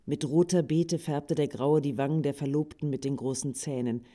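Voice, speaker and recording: A man reading a literary text aloud in a calm, measured way. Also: on the high side.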